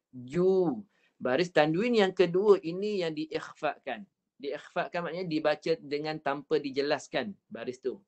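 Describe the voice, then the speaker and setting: A man with a Malaysian Malay accent teaching Quran recitation online, patiently repeating each point and drawing out the recited syllables. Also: a little high.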